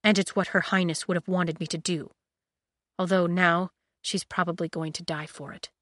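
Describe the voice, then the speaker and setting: A woman's voice: fairly low pitch, fairly even intonation, normal speed, a bit bright, no echo, clean studio sound, natural voice. A woman voicing a surly, sarcastic young male royal guard. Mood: gruff. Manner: sarcastic, dismissive.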